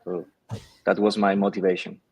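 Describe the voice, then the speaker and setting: Against a noisy background, a low-voiced man delivers flat, normal-speed answers in a casual interview over a video call. He's a company founder from Chile, a native Spanish speaker, appearing as a guest, and he pauses thoughtfully with frequent fillers.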